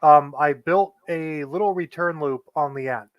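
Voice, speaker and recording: A man co-playing on a game stream, explaining things in a flat, monotone way. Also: fairly high pitch, normal speed, no room sound, muffled recording. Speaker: guest co-player. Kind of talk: casual gameplay explanation.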